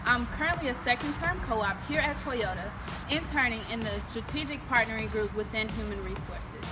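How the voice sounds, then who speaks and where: A young woman thanks her sponsors with polished enthusiasm. Her voice is fairly high and sounds a bit distant from the mic. Music plays clearly behind her. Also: moderate pace. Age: young adult. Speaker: intern and scholarship recipient. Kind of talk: recorded thank-you message.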